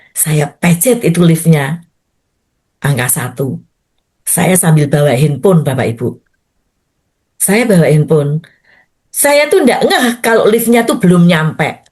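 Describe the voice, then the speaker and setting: An older woman pastor, telling a personal testimony in a morning prayer sermon and often addressing her listeners directly. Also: medium pitch. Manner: storytelling, addressing listeners as Bapak Ibu.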